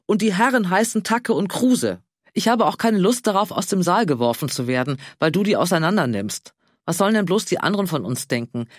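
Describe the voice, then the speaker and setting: A man voicing a fussy, anxious older man who pleads and frets in a high voice. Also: expressive, brisk, no echo, clean studio sound. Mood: fretful.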